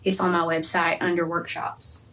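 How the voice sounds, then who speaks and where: A woman's voice: lowish voice, little pitch movement, moderate pace, a bit bright. Lady teaching painting live, chatty, talks to herself as she works, a bit far off the mic. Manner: chatty, thinking aloud while painting. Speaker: art teacher. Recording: from a distance, faint room noise.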